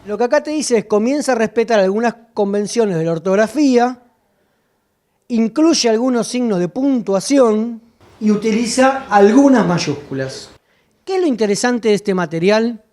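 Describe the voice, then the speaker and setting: A woman's voice: fairly high pitch, expressive, normal speed, mellow. A woman with a Rioplatense Spanish accent, lecturing teachers at a literacy workshop, asking questions and answering them herself. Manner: explanatory, asks and answers own questions.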